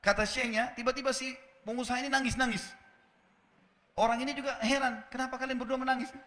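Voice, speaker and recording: A male preacher with a bright, higher-pitched voice tells a story in his sermon. He acts out the dialogue and turns to his listeners with rhetorical questions. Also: quick pace, long reverb tail, a little hiss or hum. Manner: animated storytelling, acting out dialogue with rising pitch.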